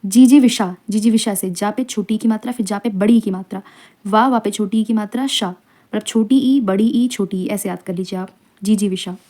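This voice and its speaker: A woman teacher runs an exam revision lesson on spelling, voiced over slides on a close microphone. Her voice is mellow and warm at a middle pitch. She repeats each word slowly and spells out its letters and vowel marks one by one.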